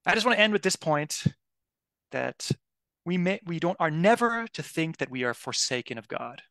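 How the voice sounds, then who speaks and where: A man's voice: fairly high pitch, lively intonation, normal speed, gravelly, a bit bright, no room sound. A man preaching a sermon in a loose, conversational way, often restarting his sentences and asking listeners "right?". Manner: conversational, with frequent restarts and tag questions.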